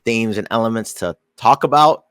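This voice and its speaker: A man's voice: lowish voice, normal speed, smooth, no room sound, studio quality. A man co-hosting a podcast, chatting casually about a movie and often repeating his opening words. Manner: relaxed, repeats words when starting sentences. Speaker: podcast co-host. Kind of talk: casual movie review chat.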